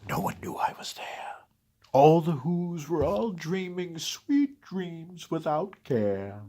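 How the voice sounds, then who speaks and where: The Grinch, gravelly and sneering. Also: male voice, mid-range voice, full character voice. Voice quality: gravelly, raspy. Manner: sneering, hissing whispers and sudden loud outbursts. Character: grumpy scheming green male holiday-hater. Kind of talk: dramatic storybook reading in first person.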